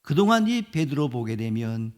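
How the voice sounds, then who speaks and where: A male pastor preaching a sermon, acting out quotes loudly and dropping to soft whispers at the ends of phrases, with a slow, deliberate cadence. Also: medium pitch, sing-song. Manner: dramatic swings from loud acted quotes to soft whispered endings.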